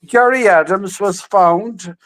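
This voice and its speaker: A man on a live video panel who talks haltingly with many pauses and uhs. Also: high-pitched, a bit bright.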